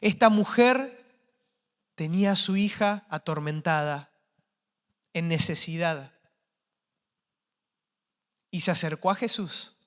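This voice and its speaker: Male pastor, high voice, impassioned sermon, long church reverb. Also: slow, long pauses. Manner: impassioned, rising to shouts then dropping to quiet. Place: church sanctuary.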